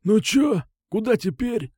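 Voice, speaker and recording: A man's voice: high voice, animated, measured pace, a little mellow, breathy edge, no echo, clean studio sound, voice pushed up, exaggerated voice. A man voicing a hungry, weary young friend who talks in a lazy, glum drawl. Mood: casual.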